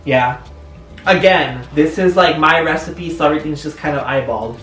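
A man's voice: fairly high pitch, normal speed, a bit bright. A young man chatting casually and joking through a home cooking vlog in his kitchen. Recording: echoey kitchen, distant mic, faint music.

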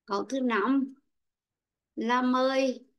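A woman teacher leads an online English class with a Vietnamese accent. Her voice sits a little high and she speaks slowly and patiently, calling on pupils one by one. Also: fairly even intonation, dull audio. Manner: slow, patient, calls on pupils by name.

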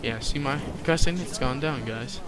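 A man's voice: medium pitch, animated, normal speed, very noisy. A young man giving casual, rambling gameplay commentary, joking and swearing, then scolding himself for it. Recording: game music behind the voice.

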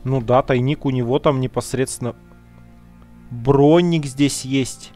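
A man narrates his gameplay in a loose, slangy way, calling out to his viewers and thinking aloud as he goes. His voice sits at an ordinary middle pitch, and faint game music plays underneath. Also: fairly even intonation, dark tone. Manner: slangy, talks to viewers as "guys"; muttering to himself, drawn-out musing. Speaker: let's play gamer. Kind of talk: casual gameplay commentary.

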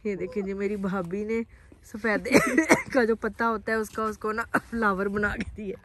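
A woman chatting to her phone camera while walking through farm fields, a bit out of breath and hoarse. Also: medium pitch, moderate pace, fairly bright tone. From Pakistan. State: slightly out of breath and coughing. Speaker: vlogger. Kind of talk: casual walking vlog narration. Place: outdoors in open farm fields. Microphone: phone camera held while walking.

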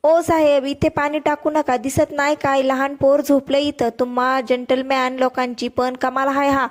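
A woman voicing a gruff middle-aged male tea-stall owner who snaps at his customers. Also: high-pitched, fairly even intonation, measured pace. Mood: snapping. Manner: snapping and scolding.

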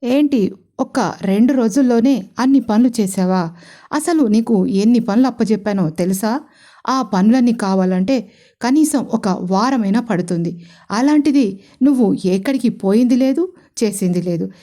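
A stern middle-aged mother-in-law scolds in a sharp, accusing tone, as a woman narrator puts her on. The voice stays mellow and dark underneath. It comes from a spoken audio storybook. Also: on the high side, normal speed, natural voice. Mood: angry scolding.

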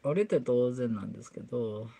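A livestream host from Kansai, Japan, speaks with a Kansai accent and Kyoto dialect, chatting casually while doing a repair and muttering to herself as she works. Her voice is very deep, mellow and husky, with vocal fry, at a normal speed.

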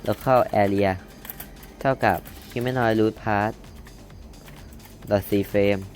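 A man's voice: lowish voice, steady tone, very slow, a little mellow, soft background music. A young man hosting a casual coding lesson, thinking aloud as he types and reading code out word by word, correcting himself as he goes. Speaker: coding tutorial host.

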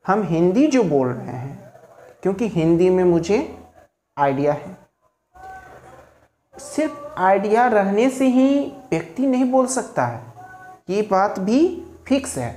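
A man's voice: high voice, darkish tone. Male teacher, lesson delivery, rhetorical and repetitive, roomy echo with faint background noise. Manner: asks rhetorical questions and repeats key points. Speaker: English teacher. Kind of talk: spoken language lesson. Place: at home.

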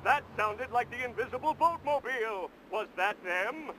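A man's voice: very high voice, animated, normal speed, bright, forceful tone, slight background noise, heavily acted, rough recording. A man voicing a stern, commanding male police captain in a game. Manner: commanding announcements.

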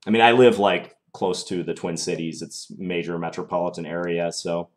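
A young man with a mild Minnesota accent streams live from a small room at home, thinking aloud through his chess moves as he plays. His voice is deep and his tone steady, at a moderate pace.

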